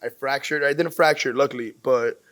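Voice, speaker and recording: A man's voice: medium pitch, a little fast, fairly bright tone. A man hosting a casual chat, easygoing and laughing often, slipping between English and Spanish. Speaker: host.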